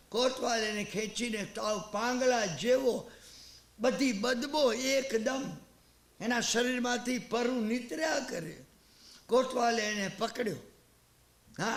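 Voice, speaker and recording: Man giving a sermon, gravelly high voice, echoey room, acts out the story. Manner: animated storyteller acting out characters. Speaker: Jain preacher.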